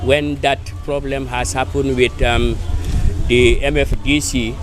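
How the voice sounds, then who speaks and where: A man's voice: medium pitch, flat delivery, a little slow. A man, an independent candidate answering reporters' questions outdoors, emphatic and boastful, full of "you know". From Gambia. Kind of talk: impromptu press interview. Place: outdoors by an electoral office.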